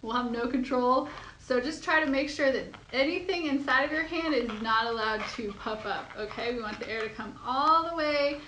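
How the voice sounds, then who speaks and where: A bubbly young woman with a high, bright voice walks through balloon twisting step by step, laughing often and gushing over how cute things look. Her voice rings in an echoey room. A steady hiss of noise sits behind her. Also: moderate pace. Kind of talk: step-by-step tutorial.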